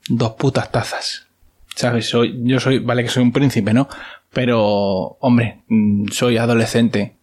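A man's voice: medium pitch, little pitch movement, slow pace. A man voicing a petulant, foul-mouthed teenage prince with a Spain Spanish accent. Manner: whiny, swearing casually.

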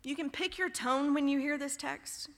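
A woman in her thirties preaching a sermon, expressive and shifting her tone for emphasis. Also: high voice, moderate pace. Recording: long hall reverb.

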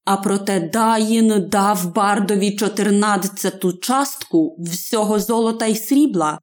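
A woman narrating a fairy-tale audiobook in a deliberate storytelling manner. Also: mid-range voice.

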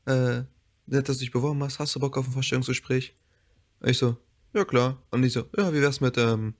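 A man's voice: mid-range voice, steady tone, a little fast. A young man chatting on a podcast with friends. He tells his story casually, breaking into laughter and acting out what everyone said. He talks in slang and swears freely. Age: young adult. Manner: laughs often, acts out dialogue with swearing and slang.

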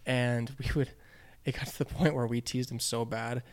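A young man, a podcast guest, telling animated stories in casual chat, acting out quotes and laughing often. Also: medium pitch, moderate pace.

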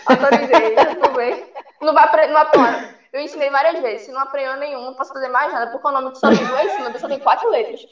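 A woman's voice: sits high, fast, echoey room, dull audio. A woman fan calling in to a sports talk show, talking in a rambling, anxious way with lots of fillers. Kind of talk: casual call-in chat.

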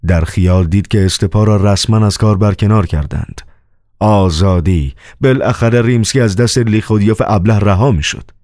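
A man reading an audiobook novel with calm, measured storytelling. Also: fairly low pitch, dry recording, studio quality. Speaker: audiobook narrator. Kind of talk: scripted narration.

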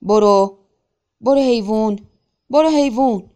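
Woman putting on a male peasant carter, blunt, grumbling, raised pitch, loud storybook voice. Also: animated. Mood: shouting. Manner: blunt, grumbling, shouts at the horse. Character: rough-spoken male peasant cart driver, stubborn.

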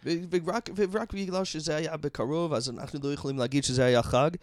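A man's voice: a little high, no room sound, studio quality. A man in his chats casually, searching for words and often repeating himself as he goes. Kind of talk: casual conversation.

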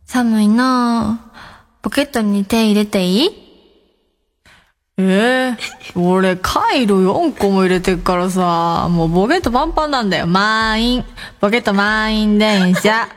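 A woman playing a teasing young boyfriend, speaking slowly in a lowered boyish voice and ending in Kyoto dialect. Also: animated, long reverb tail, lightly acted. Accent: Kyoto dialect at the end.

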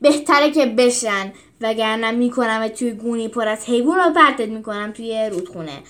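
A woman's voice: a little high, expressive, natural voice. Woman voicing a furious, menacing emperor. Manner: slow, threatening.

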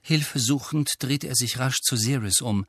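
Male audiobook narrator, unhurried and measured, dry booth sound. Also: mid-range voice, a bit bright, husky, dry recording. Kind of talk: scripted narration.

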